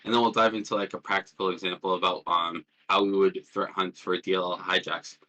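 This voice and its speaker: A man in his twenties, a student and threat hunter, presents an informal online workshop over a push-to-talk call, sounding casual, self-deprecating and hesitant. His voice is low-pitched, bright and forceful, with a level tone and a fairly quick pace. He was born in Jordan and lived in Palestine as a child.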